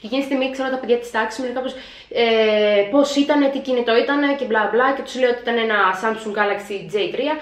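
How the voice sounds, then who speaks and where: A young woman telling a story in a vlog, animated, acting out her own panic as she retells it. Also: fairly high pitch. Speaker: vlogger. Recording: echoey room.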